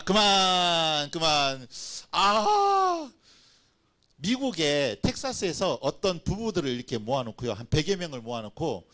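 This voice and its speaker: Male pastor, middle-aged, fairly high voice, lively pitch, animated storyteller, family sermon. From Korean coast. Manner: animated storytelling, acting out little scenes.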